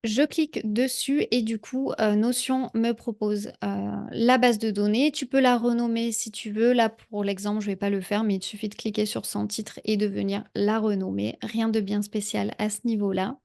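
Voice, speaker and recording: A woman talking a viewer through a software tutorial in a casual, chatty way, with frequent fillers. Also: medium pitch, flat delivery, moderate pace, creaky, hardly any pauses. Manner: chatty, many "heu" fillers, speaks directly to viewer. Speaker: productivity tutorial creator. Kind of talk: casual screen-share tutorial.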